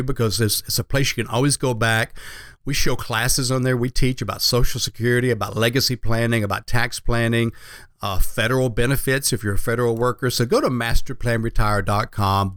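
Male financial advisor, mid-pitched, conversational radio explaining, folksy, dry close recording. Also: fairly bright tone, no echo.

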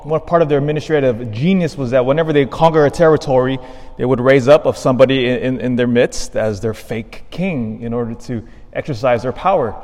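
The priest speaks at a medium pitch with a darkish tone, reading the Gospel and preaching during Mass. A large church's lengthy reverb surrounds him. He reads calmly and measuredly, then his stresses turn emphatic and climb.

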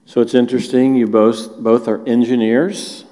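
Friendly and joking, a host who is also a church elder interviews guests on stage in a church auditorium. His mellow, mid-range voice keeps a level tone at normal speed, heard in a reverberant hall.

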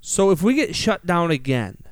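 High-voiced American man hosting, clean and close. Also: sing-song, normal speed, no room sound. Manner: asks rhetorical questions, emphatic repetition. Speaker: financial radio show host. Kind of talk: conversational financial explanation.

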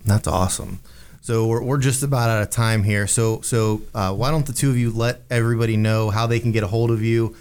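A man's voice: on the low side, fairly even intonation, a little fast, a little mellow, smooth. A man hosting a radio show, talking and asking questions in a casual interview style.

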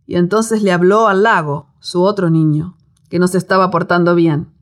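A woman's voice: on the low side, steady tone, normal speed. A woman giving a devotional Bible teaching, telling it as a dramatic story with rhetorical questions.

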